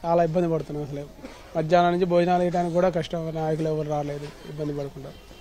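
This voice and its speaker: A man's voice: on the high side, level tone, very fast, mellow. A man whose belongings were ruined, talking wearily to a reporter outdoors, away from the microphone. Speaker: flood-hit resident. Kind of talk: street interview. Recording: speaking from away from the mic.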